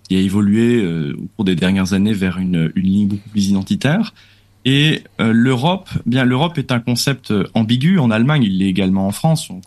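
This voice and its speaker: Low-voiced male guest, explanatory, halting radio talk. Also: a little mellow. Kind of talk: radio talk-show discussion. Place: radio studio.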